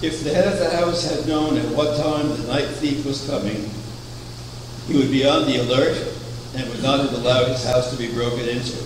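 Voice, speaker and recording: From a wooden pulpit in a chapel, an older man who founded a religious order delivers a sermon in a measured, anecdotal way, posing rhetorical questions. His voice is mid-range and steady. A distant camera picks up the echoey room and an air conditioning hum.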